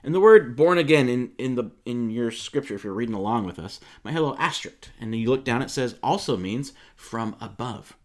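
Animated, conversational male preacher. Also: mid-range voice, fairly quick, hardly any pauses. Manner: conversational, animated storytelling with slang examples. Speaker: pastor. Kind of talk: sermon. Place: church.

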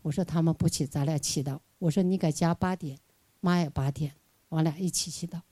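An older woman with a Northeastern Mandarin accent giving a spontaneous personal testimony at church, halting, repeating herself and restarting, in plain folksy speech. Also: deep voice, fairly even intonation, warm tone, no echo.

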